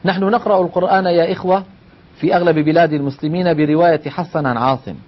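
A man's voice: on the high side, fairly even intonation, very fast. A man teaching Quran recitation, repeating and explaining each point step by step and asking his listeners rhetorical questions. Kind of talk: explanatory lesson. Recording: slightly dull lo-fi recording.

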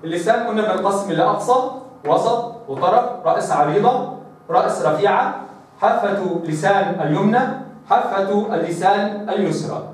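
A man teaches pronunciation in a fairly high voice, pausing to demonstrate each sound himself. He urges the listener to copy him. His voice rings in a very echoey room, picked up from some distance away. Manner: demonstrates sounds, repeats rolled r aloud; addresses listener as brother, asks them to try. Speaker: Quran recitation teacher. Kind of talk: explanatory lesson on pronunciation.

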